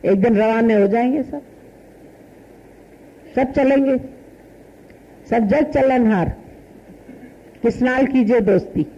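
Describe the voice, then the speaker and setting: A woman spiritual teacher preaches a satsang, repeating short folksy phrases as she tells a story. Her voice is mellow and slightly husky. The recording is dull and lo-fi. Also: on the high side, slow pace, pauses often.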